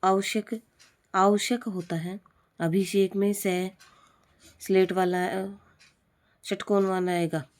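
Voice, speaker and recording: A woman tutor runs a spelling drill at an unhurried, deliberate pace. She names each word, states the wrong form, then repeats the correct one in a plain, mid-pitched voice. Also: steady tone, darkish tone. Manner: slow, repetitive drilling of correct forms. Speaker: Hindi teacher. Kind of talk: spelling lesson for exam prep.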